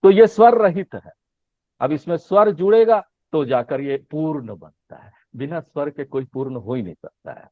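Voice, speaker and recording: Man, teaching tone, recites letters slowly, dry close sound, thin phone-like audio. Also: a little high, expressive, dry recording. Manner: drawn-out recitation of letters with rising questions. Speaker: Sanskrit teacher. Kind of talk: explaining a language lesson.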